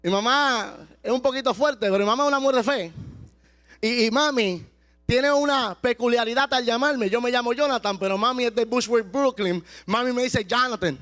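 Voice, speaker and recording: A pastor preaching a sermon with passion, at times slowing down and shouting for emphasis. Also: male voice, extremely high pitch.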